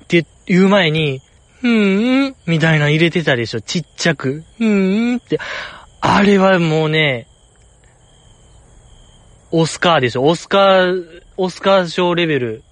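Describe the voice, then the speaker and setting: Man, Osaka accent, casual solo chat, rambling, playfully earnest, a bit high-pitched. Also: a bit bright, dry recording. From Osaka, Japan.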